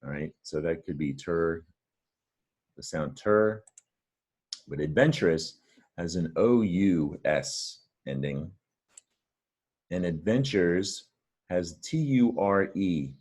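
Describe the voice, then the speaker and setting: A man's voice: deep voice, animated, takes it slowly, long pauses, darkish tone, husky. A man teaching a reading lesson, patient and encouraging as he explains words step by step. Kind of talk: friendly reading lesson to camera.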